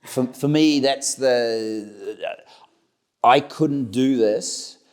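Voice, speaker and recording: Speaking very slowly in a darkish, mid-range voice, a middle-aged man with a New Zealand accent fields interview questions as a company director. His manner is conversational, marked by repeated words and frequent restarts.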